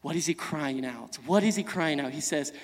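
A man in his thirties preaching a sermon, swinging between loud calls and quiet asides, often repeating words and asking the congregation questions. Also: fairly high pitch, normal speed. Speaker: pastor. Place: church hall. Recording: long church hall reverb.

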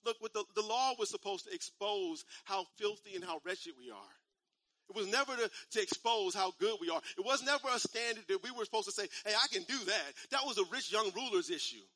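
A man in his thirties preaching a sermon in a conversational style, repeating phrases and using casual slang, building up to shouts. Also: high voice, animated, a little fast, no echo. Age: 30s. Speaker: pastor.

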